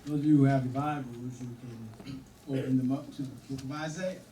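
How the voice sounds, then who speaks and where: A man's voice: mid-range voice, flat delivery, a little fast, a little hiss or hum. A man with a New York accent preaching a sermon, folksy and joking with the congregation. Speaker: pastor. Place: church sanctuary. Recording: echoey church hall from far off, loud organ. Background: organ music and congregation responses.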